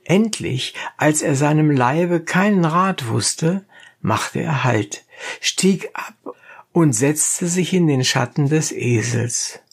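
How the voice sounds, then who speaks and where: Slow gravelly audiobook narrator. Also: mid-range voice, lively intonation. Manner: measured, storytelling delivery.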